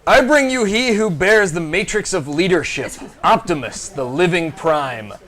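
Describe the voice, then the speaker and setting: Ceremonious male herald, read by a man, slow with a high, swooping pitch. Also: animated, a bit bright. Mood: solemn. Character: solemn male herald announcing a robot leader.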